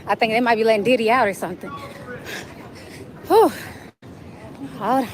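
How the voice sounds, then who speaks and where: A woman livestreaming casually as she walks, chatting and laughing with viewers, at times out of breath from hurrying. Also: on the high side. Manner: chatty, laughing, walks fast and runs while talking. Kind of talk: casual live-stream vlog. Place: outdoors on a busy city street. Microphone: phone camera held in hand. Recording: crowded street, some far-off pickup. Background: crowd chatter.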